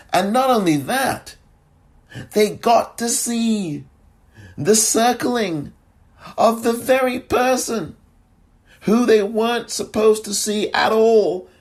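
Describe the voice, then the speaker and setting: A middle-aged man hosts a solo commentary podcast in an animated, sarcastic manner. His voice cracks with excitement and jumps high whenever he gets indignant.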